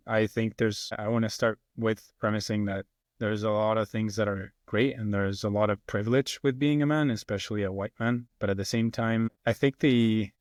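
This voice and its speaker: A man's voice: fairly low pitch, no echo, studio quality. A man in his twenties from Argentina, a podcast guest speaking thoughtfully and a little hesitantly. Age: 20s. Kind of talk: casual conversation.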